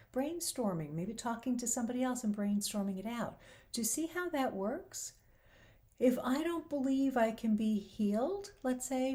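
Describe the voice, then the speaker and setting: A woman with a warm, mid-range voice hosts a faith-based talk show. Earnest and encouraging, she quotes scripture, and her voice is a little worn as she begins to lose it slightly.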